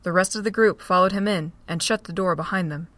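Woman, narrator, steady reading, amateur audio drama, dry recording. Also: on the low side, brisk, no room sound.

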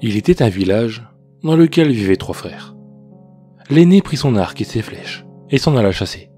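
A man reading classic fairy tales aloud as a storyteller, with expressive, animated narration. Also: mid-range voice, moderate pace. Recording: long reverb, faint background music.

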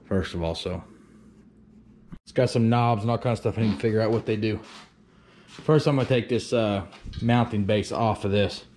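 Low-voiced man, plainspoken shop vlogger, thinks aloud and curses a bit; faint background noise. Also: moderate pace, pauses often, a little mellow. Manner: plainspoken, thinks aloud with fillers and mild cursing. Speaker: woodworker filming his shop. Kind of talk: casual workshop vlog narration. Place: woodworking shop.

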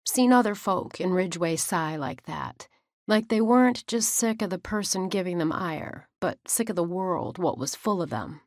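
A woman's voice: lowish voice, lively intonation, moderate pace, darkish tone, no echo, clean studio sound. A woman with a drawl, narrating an audiobook in first person in a folksy way.

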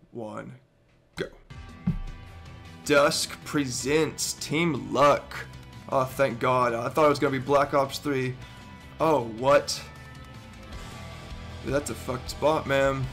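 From his bedroom, wearing an over-ear headset, a twenty-something YouTuber with a mid-range, hoarse, nearly lost voice gives reaction commentary on a gaming montage. He gets excitable, swears often, and stammers and laughs along the way.

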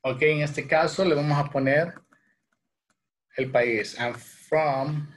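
Salvadoran man teaching English slowly. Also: fairly high pitch, fairly even intonation. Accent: Salvadoran Spanish. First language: Spanish. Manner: repeats phrases slowly, then translates into Spanish. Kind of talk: bilingual online lesson. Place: small home room, indoors.

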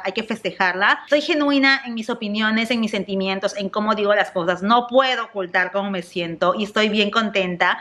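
Chatting with obvious excitement, a young Peruvian woman hosts a laid-back gossip vlog about celebrities. She has a Peruvian Spanish accent, a medium pitch, and a habit of dropping English exclamations.

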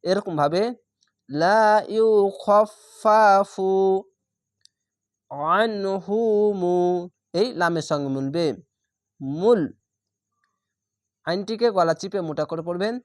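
A man teaching Quran reading, spelling out each syllable and then chanting every word slowly and drawn out, with patient, repetitive instruction. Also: fairly high pitch, animated, no room sound, clean studio sound.

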